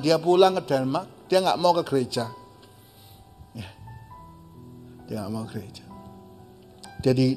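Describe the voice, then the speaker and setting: A male pastor preaching a sermon, telling a story with animation. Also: medium pitch. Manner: animated storytelling, acting out quotes.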